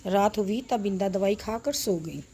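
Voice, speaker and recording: A woman reading a novel aloud, telling the story in a plain, steady way. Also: mid-range voice, unhurried, background noise. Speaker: story reader.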